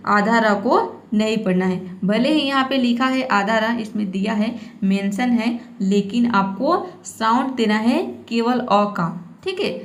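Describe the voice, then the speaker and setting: A woman teaching English pronunciation in Hindi, explaining rules patiently and repeating each word. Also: a little high. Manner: patient, repeats words and checks with "theek hai".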